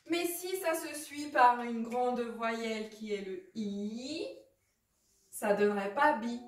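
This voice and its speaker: A woman teaching how to read letters, patient and repeating sounds slowly with examples. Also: fairly high pitch, echoey room, far from the mic. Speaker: Arabic reading teacher. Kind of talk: explaining lesson.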